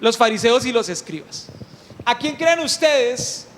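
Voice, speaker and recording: A man preaching a sermon, animated and humorous, often putting questions to the congregation. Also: very high voice, unhurried, a little hiss or hum. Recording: long hall reverb.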